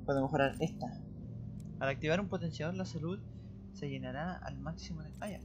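Higher-pitched man doing casual gameplay commentary. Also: brisk, heavy background noise. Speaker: gaming video host. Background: video game music.

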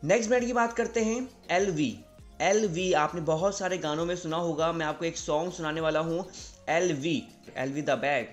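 A young man with an Indian accent and a fairly high voice teaches a casual video lesson. He says each word slowly and asks "right?" again and again. Faint music plays behind him. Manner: repeats words slowly, often asks "right?". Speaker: English teacher.

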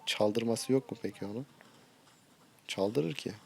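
A man's voice: mid-range voice, a little slow, creaky, a little hiss or hum. A short-tempered man streaming a mobile game, giving live commentary and ranting at his teammates.

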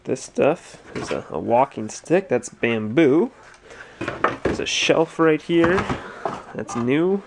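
A man's voice: medium pitch, expressive, takes it slowly, gravelly, noisy background. A man thinking aloud in a casual vlog as he sorts through totes in a cluttered stock room, filmed on a handheld camera. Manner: musing, thinking aloud while sorting. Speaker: resale store owner. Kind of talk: casual narrated unboxing vlog. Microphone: handheld or head-mounted camera.

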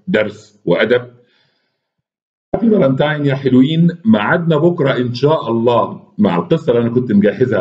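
A man with an Egyptian Arabic accent reading a short story aloud with expressive, wry delivery and casual asides. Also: lowish voice, dull audio. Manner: expressive, wry, laughs at his own asides.

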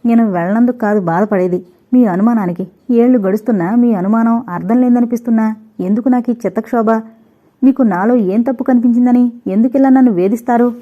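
A woman's voice: on the high side, a little fast, lightly acted. A woman voicing a young wife who answers her husband with hurt indignation. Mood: indignant. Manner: wounded, indignant. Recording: dull lo-fi recording.

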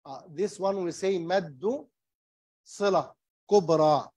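A man teaching Quran recitation rules, explaining slowly and patiently in English and demonstrating the recitation, repeating each term. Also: high voice, a little mellow, dry recording. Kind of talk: slow tajweed lesson, mixing English and Arabic. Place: small mosque classroom.

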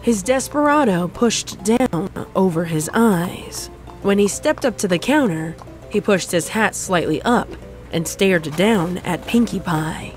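A woman narrating a fan story in an even storybook reading. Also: medium pitch, a little slow, soft background music. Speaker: fanfic narrator. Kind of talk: scripted narration.

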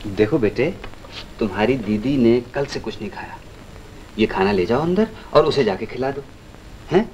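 An actor plays a kindly older man in an old film drama, steady and reassuring. The sound is dull and lo-fi, with a faint hiss underneath. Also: medium pitch, normal speed, long pauses, natural voice. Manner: calm and reassuring.

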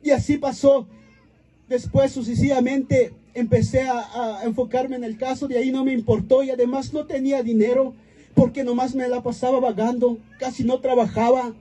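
A man's voice: very high-pitched, little pitch movement, normal speed, mellow. A man giving an impassioned church testimony at an outdoor prayer vigil, calling out to the congregation like a preacher.

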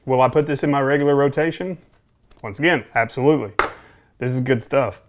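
A man in his thirties talks to camera in a small home office. His voice sits at an average pitch. He delivers a casual product review off the cuff, musing and rephrasing as he goes. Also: a little fast, noisy background. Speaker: pipe tobacco reviewer.

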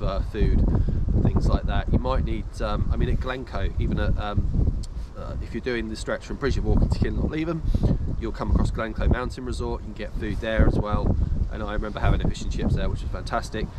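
A man in his thirties rambles through hiking tips outdoors, full of ums and restarts. His voice sits fairly low. Loud wind buffets the camera mic the whole time. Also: fairly even intonation, fairly quick, few pauses. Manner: rambling, many fillers and restarts. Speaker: hiking vlogger. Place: outdoors in a windy park by a tree. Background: loud wind noise.

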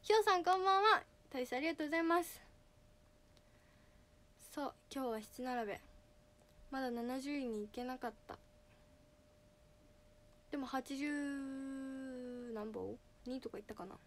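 A woman's voice: high-pitched, a little slow, pauses often, a little hiss or hum. A teenage girl idol with a slightly nasal voice, chatting casually on a livestream and reading out viewer names. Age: teens. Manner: reads out viewer names, bright greetings.

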